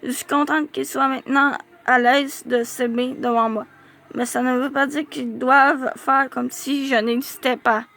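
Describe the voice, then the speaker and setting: A woman reading a diary-style youth novel aloud, with lively, expressive storytelling and small slips. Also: high-pitched, unhurried, vocal fry.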